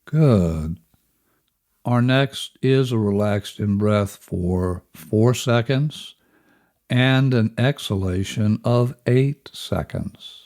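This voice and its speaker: A man leading a guided breathing lesson as instructor, measured and instructional, counting out each step. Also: fairly low pitch, a little mellow. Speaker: relaxation and breathing instructor, host.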